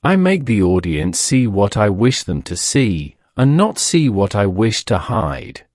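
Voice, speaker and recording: A man's voice: fairly low pitch, big pitch swings, unhurried, a little mellow, no echo, clean studio sound, voice pushed down. A man voicing a theatrical, indignant French illusionist with a thick, resonant accent. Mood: proud.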